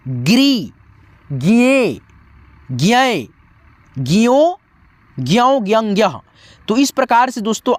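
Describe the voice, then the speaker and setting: A man's voice: high voice, no room sound. A man teaching Hindi as a video lesson, reciting syllables one at a time and coaxing viewers to practice. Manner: chants syllables one by one, then coaxing and repetitive asides.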